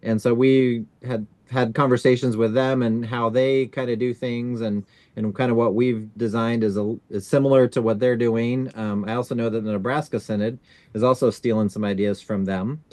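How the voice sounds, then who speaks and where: Male call host, mid-pitched, dry close sound, easygoing and rambling. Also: normal speed, dry recording. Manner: relaxed, many fillers like "kind of". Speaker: synod staff leading a video-call orientation. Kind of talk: casual hosting on a video call. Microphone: video call.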